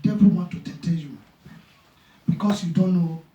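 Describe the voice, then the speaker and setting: In an echoey church room with a distant mic, a man preaches an impassioned sermon at a moderate pace. His pastor's voice sits high and warm, with the highs cut off, and he keeps repeating phrases and acting out conversations.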